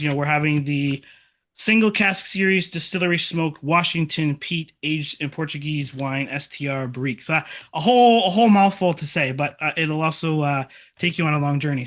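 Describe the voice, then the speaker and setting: Man, bright forward voice, slightly high pitch, casual presenting style, enthusiastic. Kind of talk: casual spoken introduction on an online event.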